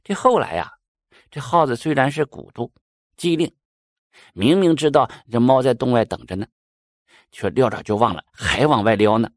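A man telling a folk tale with a folksy Northeastern Mandarin accent. His pitch sits in a plain middle range. The sound is close and dry. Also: normal speed, long pauses, dry recording. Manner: folksy, with "uh" fillers. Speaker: storyteller.

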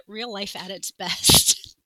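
A woman's voice: mid-range voice, sharp tone, no room sound, poor audio. A woman co-hosting a podcast, chatting casually and playfully, laughing often. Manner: giggly, playful, quick to laugh. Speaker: podcast co-host. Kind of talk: casual chat.

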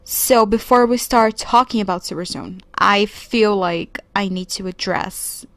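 A young woman from Brazil, a native Portuguese speaker, offers thoughtful solo commentary in English as a podcast co-host. Her medium-pitched voice is unhurried and pauses while she hunts for words, and the recording is dry and close without room sound.

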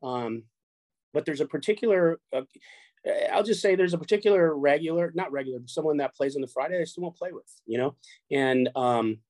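His voice is on the high side and brisk, darkish in tone, as the middle-aged Chicago poker show runner chats casually as a guest. He rambles with repeated words and free swearing, and the recording has no room sound.

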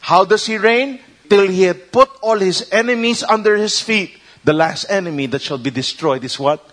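Husky Filipino pastor preaching with fire. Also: male voice, high-pitched, moderate pace. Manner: switches between English and Tagalog, animated and emphatic. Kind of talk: sermon.

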